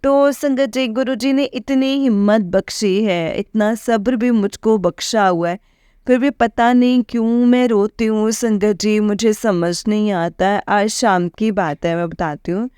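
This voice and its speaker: A woman's voice: mid-range voice, fairly even intonation, measured pace, dark tone, smooth, no room sound, clean studio sound. A young woman, earnestly and emotionally sharing her devotional experiences with listeners, often addressing them directly. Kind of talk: personal devotional testimony.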